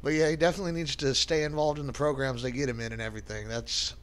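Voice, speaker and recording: A man's voice: mid-range voice, steady tone, fast, smooth. A man hosting casual reaction commentary, rambling and blunt, with sarcasm and swearing. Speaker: commentary channel host.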